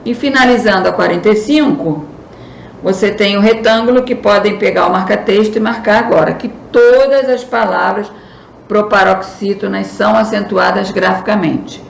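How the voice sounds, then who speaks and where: A Brazilian woman teacher with a Brazilian Portuguese accent patiently explains a recorded school lesson, stressing key words. Her mid-range voice is creaky and moves at normal speed, in an echoey room with faint noise.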